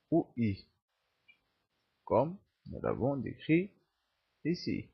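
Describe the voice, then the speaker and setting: A man giving a grammar lesson, slowly dictating example words one by one in a halting teaching manner. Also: medium pitch, creaky, husky, muffled recording. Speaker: language teacher.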